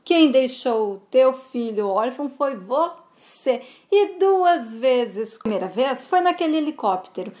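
A woman's voice: high-pitched, lively intonation, unhurried, hardly any pauses, darkish tone. A woman voicing a smug, cruel villainous man who taunts in a sing-song way. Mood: sneering, gloating. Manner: sing-song, sneering, keeps calling her sweetheart.

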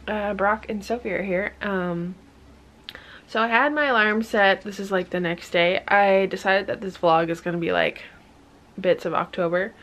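A woman's voice: medium pitch, fairly even intonation, normal speed, fairly bright tone. A young woman vlogging casually to her camera, rambling with lots of fillers and candid asides. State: out of breath. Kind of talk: casual vlog chat. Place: hunting blind outdoors; home indoors.

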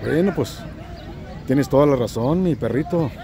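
A man's voice: mid-range voice, animated, unhurried, a crowd in the background. A man doing a playful sidekick commentator. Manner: playful banter. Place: outdoors at a soccer field.

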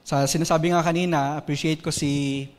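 A man's voice: on the high side, steady tone, fairly quick. A Filipino man preaching a sermon in a church, telling a personal story with earnest, sometimes emotional feeling. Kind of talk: sermon mixing Tagalog and English. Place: church hall. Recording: long hall reverb.

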